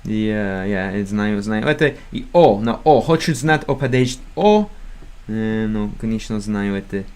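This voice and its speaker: A young American man is casually livestreaming, rambling through beginner Russian with lots of fillers, restarts and self-corrections. His voice sits on the low side and sounds animated, a little mellow and clean, with a slightly slow pace.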